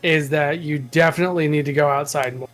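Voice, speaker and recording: A man's voice: a little high, fairly even intonation, a little fast, a bit bright, faint music behind. A man co-hosting a casual chat, reacting with frequent laughs and stammering restarts. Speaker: podcast co-host.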